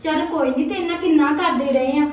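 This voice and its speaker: A woman's voice: sits high, fast, close to an everyday voice. An actress with a Punjabi accent playing a young daughter-in-law who defends her household spending, justifying herself and trying to placate. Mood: defensive. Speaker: actor in a family drama. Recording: echoey room, dull lo-fi sound.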